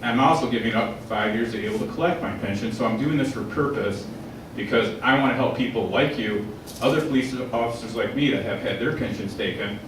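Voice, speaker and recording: A man's voice: mid-range voice, fairly quick, noisy background. A man in his forties, a candidate answering questions at a public forum in a plain-spoken, earnest way, heard from far off in a large echoey hall. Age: 40s. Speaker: political candidate.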